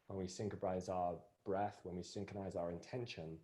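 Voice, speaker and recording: A man facilitating an online group session, encouraging, with halting restarts. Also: low voice, flat delivery, mellow.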